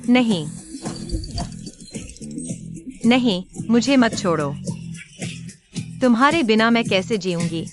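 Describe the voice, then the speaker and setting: A woman's voice: medium pitch, very animated, a little slow. A woman playing a clingy, adoring young wife in a dubbed short drama, speaking sweetly and pleadingly. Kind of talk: Hindi dub of a short drama. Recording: dubbed dialogue over loud music.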